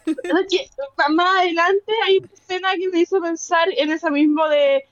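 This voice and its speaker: A young woman with a Chilean accent, a guest on a podcast, making quick jokey interjections in casual chat. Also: very high-pitched, fairly even intonation, no room sound, lo-fi sound.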